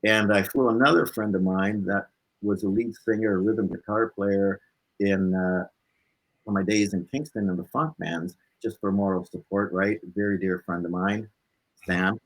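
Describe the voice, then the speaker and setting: On poor audio, a man speaks at a normal speed in a voice on the low side. He's a blues musician interviewed as a guest, relaxedly telling lively anecdotes from his life, performing bits of dialogue, and tagging phrases with "right?".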